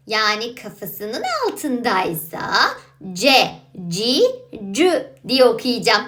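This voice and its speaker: A woman giving a children's alphabet lesson, sounding out letters slowly and thinking aloud in a playful, coaxing way. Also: sits high, sharp tone. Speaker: Quran alphabet teacher.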